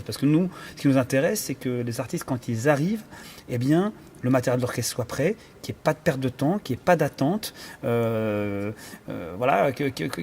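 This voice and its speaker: Over slight background noise, an Iranian conductor and cellist with a darkish voice on the high side answers interview questions. He is reflective but halting, using many fillers and restarting as he searches for words.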